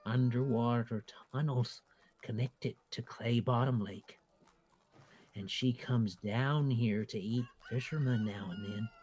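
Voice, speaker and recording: A man voicing a folksy small-town schoolmarm who tells spooky rumors in a hushed, gossipy way. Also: medium pitch, unhurried, lightly acted. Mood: ominous, folksy.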